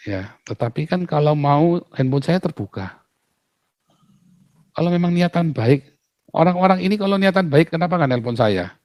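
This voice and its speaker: A man's voice: on the high side, lively intonation, normal speed, long pauses, darkish tone, dry recording, studio quality. A man, a pastor, talking in an outspoken casual way, emphatic and full of rhetorical questions.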